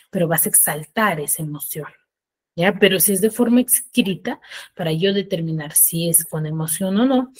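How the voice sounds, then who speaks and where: A woman teacher giving an online class, explaining step by step and often checking with quick tag questions. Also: on the low side. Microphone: video call.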